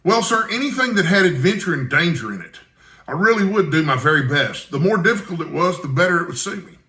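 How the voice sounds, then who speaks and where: Man playing an eager young reporter, bright voice. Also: fairly high pitch, very animated, fast talker, reverberant, voice pushed up, heavily acted. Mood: earnest pleading. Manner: deferential, earnest. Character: eager young male reporter, earnest and daring.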